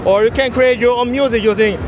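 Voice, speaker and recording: A man's voice: very high voice, fairly even intonation, quick pace. A man exhibitor patiently demonstrating a product step by step at a convention booth, with slightly broken grammar. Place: busy convention hall booth. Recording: crowd chatter and music behind.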